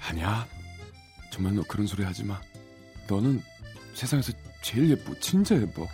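A man's voice: on the low side, expressive, normal speed, a little mellow, soft background music, voice pushed down. A man voicing a flustered boyfriend in his thirties in a comic radio sketch, exasperated and placating.

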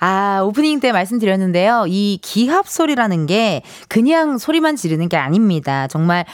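A woman radio DJ chatting on air in a bright, playful way and reading out listener texts. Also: medium pitch, big pitch swings, moderate pace, no echo. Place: radio studio. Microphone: studio microphone. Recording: dry radio studio mic, faint music behind.

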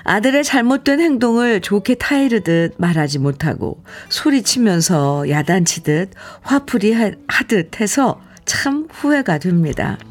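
A woman radio host reading a listener's letter aloud in a measured storytelling voice. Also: medium pitch, lively intonation.

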